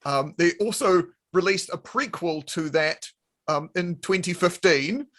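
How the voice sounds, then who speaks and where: A man with a notably high voice, chatting on a comedy panel. He rambles eagerly with plenty of ums and asides, loose and playful. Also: unhurried, a bit bright. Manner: rambling, enthusiastic, lots of fillers. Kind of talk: casual comedic banter.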